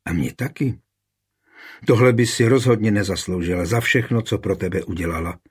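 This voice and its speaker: A man's voice: lowish voice, slightly rough. A man voicing Vilemína, a humble widowed daughter. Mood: pleading.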